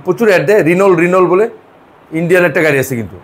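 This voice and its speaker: A man's voice: fairly high pitch, animated, racing, a little hiss or hum. A man teaching French pronunciation in a one-on-one lesson, repeating and correcting sounds with chatty asides. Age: middle-aged.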